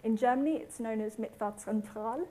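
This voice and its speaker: A woman's voice: fairly high pitch, a little fast, warm tone, rough recording. A woman from the UK, giving a rehearsed conference presentation with brief fillers. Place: conference hall.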